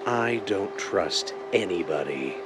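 In a noisy, vintage-style 1930s radio drama, a man plays the Owl, a blind crime mastermind. His deep voice is expressive, cold, and menacing, and his delivery is deliberate, commanding, and theatrical.

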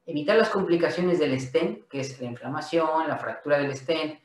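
Middle-aged Mexican-accented man, lecturer on a video call, voice a bit high, roomy and far off. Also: normal speed. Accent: Mexican Spanish. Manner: explanatory, with frequent fillers. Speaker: guest speaker. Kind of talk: webinar presentation. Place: home office, video call. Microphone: laptop mic on video call. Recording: echoey room, off-mic.

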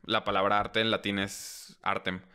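Bright-voiced Mexican man telling a story. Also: lowish voice, normal speed, clear, resonant tone. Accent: Mexican Spanish. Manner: relaxed storytelling, slangy, laughs easily. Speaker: podcast guest, rapper. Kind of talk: casual chat.

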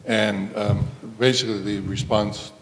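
A man, a board member, speaking in a measured, reflective way with frequent fillers at a public meeting. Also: lowish voice, level tone. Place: large meeting room. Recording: long reverb, faint ambient noise.

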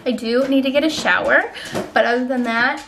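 Chatty young mom vlogging at home. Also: female voice, high voice, brisk, vocal fry, background noise. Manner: chatty, bubbly, many fillers like "like" and "um". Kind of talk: casual vlog chat to camera. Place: family home.

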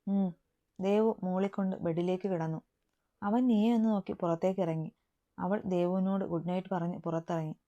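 A woman narrating a story with a steady, even reading, in a dull lo-fi recording. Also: fairly low pitch, a little fast.

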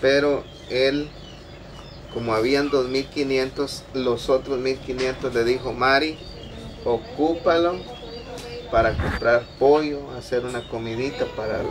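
A man in his thirties with a Guatemalan Spanish accent hosts a casual interview for a charity video channel on a home's concrete-block patio. His mid-range voice is steady and unhurried, friendly and full of fillers like "va" and "pues," captured by a distant camera with birds, ambience and background noise.

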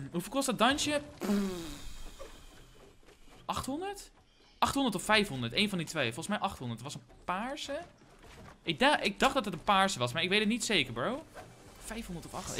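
Hyped young streamer, lively bright voice. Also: male voice, high-pitched, a little hiss or hum. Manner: excitable, hyped, shouts at big moments, slangy. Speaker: gaming streamer. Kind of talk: live game stream commentary.

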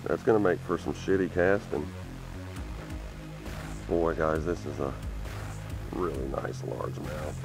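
Deep-voiced Southern man fishing a creek. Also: unhurried, vocal fry, pauses often, over music. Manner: excitable, exclaiming over catches, talking to viewers. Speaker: fishing vlogger. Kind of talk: casual outdoor commentary while fishing. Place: creek bank outdoors. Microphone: head-mounted camera.

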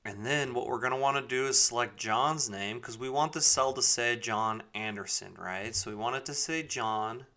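A man giving a casual step-by-step software tutorial in an informal way, thinking aloud as he goes. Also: mid-range voice, normal speed, hardly any pauses. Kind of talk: casual screen-recorded spreadsheet tutorial.

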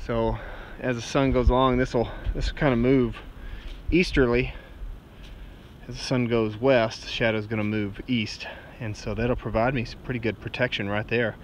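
A survival vlogger in his forties with a Texan accent works outdoors on an open sandy beach among dunes, casually explaining survival skills. He describes his steps plainly as he handles things. His medium-pitched voice is flat, at a moderate pace, with slight background noise.

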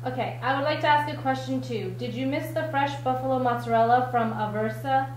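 A woman asks short, plain questions from off camera, passing viewers' questions on to the host. Her voice sits somewhat high and rings in a very echoey room, with a faint hiss underneath. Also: a little fast, a little mellow.

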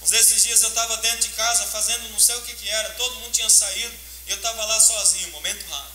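A male pastor preaching a fervent, emotional sermon, swinging between loud outbursts and soft, hushed passages. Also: sits high, steady tone, fast. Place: church sanctuary. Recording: roomy church echo, faint hiss.

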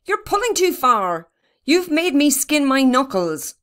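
A woman voicing an eager, bossy young boy who gives excited instructions. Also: measured pace. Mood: instructing. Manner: high, excited exclamations.

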